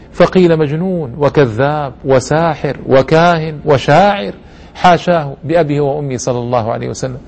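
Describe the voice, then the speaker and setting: A man's voice: fairly high pitch, darkish tone. A man hosting a religious programme, lecturing listeners in formal Standard Arabic with an earnest, reverent manner. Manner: earnest, reverent, rhetorical questions.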